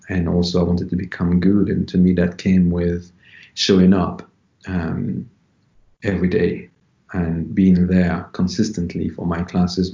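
A man in his forties from France, speaking as an interview guest in a relaxed, unhurried way with many ums. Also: low-pitched. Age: 40s. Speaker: yoga teacher guest. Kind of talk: casual interview talk. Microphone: remote call. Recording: dull, roomy call audio.

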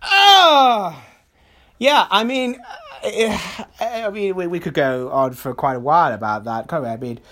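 A man co-hosting a comedy podcast, halting and stammering through his sentences with lots of fillers and laughter. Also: high-pitched, animated, sharp tone. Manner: halting, stammering, many repeated words and fillers; breaks into laughter often. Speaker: podcast co-host.

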